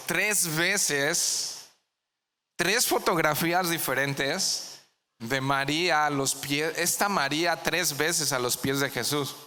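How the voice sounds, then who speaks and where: A male pastor preaches with a sharp, bright tone. He keeps asking the congregation questions and answering them himself. His voice rings out in a large, echoing hall over a faint hiss. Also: mid-range voice. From Mexico. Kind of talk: verse-by-verse sermon. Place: church hall.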